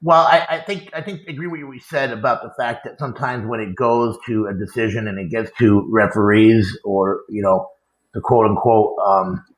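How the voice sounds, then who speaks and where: A man's voice: lowish voice, fairly even intonation, normal speed. A man hosting a show with casual sports talk, recorded in a room. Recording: echoey room sound.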